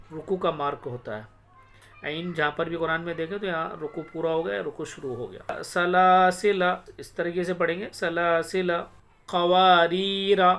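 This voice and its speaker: A man teaching Quran reading step by step. He sounds out each word slowly and stretched, then explains quickly and checks with the listener. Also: a little high, a bit bright, a little hiss or hum. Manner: asks the learner quick check questions. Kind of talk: step-by-step recitation lesson.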